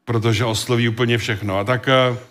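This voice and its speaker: Halting, measured male preacher. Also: medium pitch, steady tone, fairly bright tone. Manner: measured, halting delivery with many hesitations. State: occasional cough. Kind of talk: sermon with Bible reading.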